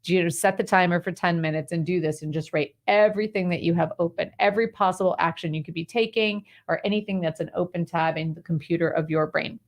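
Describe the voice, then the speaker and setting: A clarity coach appears as a guest on an interview show, giving advice, explaining her method and telling stories in a lively, breezy way. Her voice is a little low for a woman, and she talks casually and quickly, barely pausing, leaning on fillers like "like" and "right."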